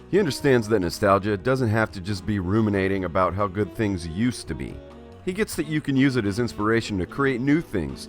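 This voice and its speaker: A man hosts a scripted art vlog, narrating with casual asides. His manner is theatrical and playful, and he keeps interrupting himself. His pitch is fairly low.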